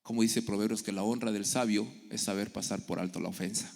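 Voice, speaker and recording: Gravelly middle-aged preacher in a hall. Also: male voice, lowish voice, fairly even intonation, brisk, a little mellow, faint music behind. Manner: storytelling, acting out quoted voices. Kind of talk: sermon. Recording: echoey hall with long reverb.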